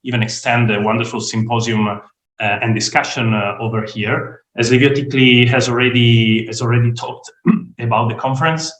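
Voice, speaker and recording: A hoarse man giving an online lecture presentation, speaking hesitantly with many fillers. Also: mid-range voice, flat delivery, normal speed, a bit bright. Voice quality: rough, croaky voice. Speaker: guest speaker. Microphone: video call. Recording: roomy echo.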